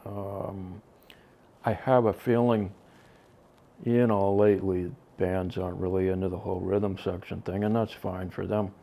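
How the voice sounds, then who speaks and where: An older man speaks in a slow, unhurried drawl with a gravelly edge. His tone is dark and low, and he pauses often, trailing off softly between thoughts as he recalls the past in an interview. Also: flat delivery. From Connecticut. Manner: slow, halting, many ums and trailing soft phrases. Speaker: drummer interviewed about his band. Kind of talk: reflective interview answers.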